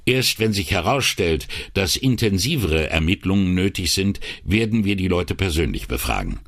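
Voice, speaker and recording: A man voicing a thoughtful senior police commissioner with a measured, authoritative way of talking. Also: low-pitched, very animated, vocal fry, fairly bright tone, no echo, studio quality, full character voice.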